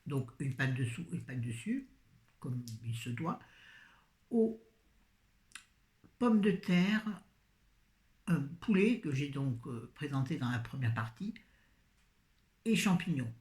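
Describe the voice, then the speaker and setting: Slow and sing-song, with frequent pauses, a vlogger with a dark bass voice chats about her grocery haul while sounding tired and fading. Her talk is scattered and self-mocking, captured on a phone in an echoey room.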